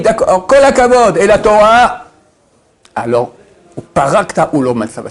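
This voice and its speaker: A man, a rabbi, teaching a Torah lesson, animated and quizzing his listeners, dropping to low murmurs and rising to high exclamations.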